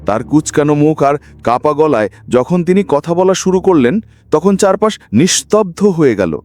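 A man narrates a ghost story as a dramatic scripted reading, suspenseful and expressive, his lively pitch movement carrying the tension. He speaks at normal speed in a dry recording.

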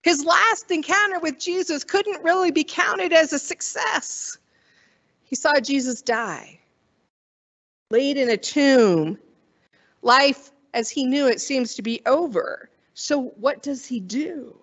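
High-voiced woman preaching conversationally. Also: slow pace, fairly bright tone. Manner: conversational, wondering aloud, acts out quoted voices. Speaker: pastor. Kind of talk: sermon.

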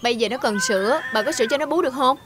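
Actress playing a blunt mom cooing to a baby. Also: female voice, high-pitched, very fast, natural voice. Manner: repetitive cooing and blunt retorts. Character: blunt young woman hushing a crying baby. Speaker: co-mother soothing a baby. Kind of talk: TV drama acting. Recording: loud music score behind.

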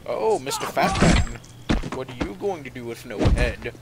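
A man's voice: medium pitch, huge pitch swings, measured pace, very noisy. A man giving casual, profane and joking commentary while playing a video game, often chuckling to himself. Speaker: let's play commentator.

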